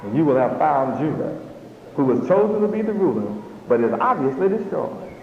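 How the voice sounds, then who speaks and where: A man preaching a fiery sermon to a gathered audience, pressing his points with rhetorical questions and bursts of shouting. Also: fairly high pitch, sing-song, normal speed. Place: hall with a live audience. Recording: echoey hall, dull lo-fi, noisy.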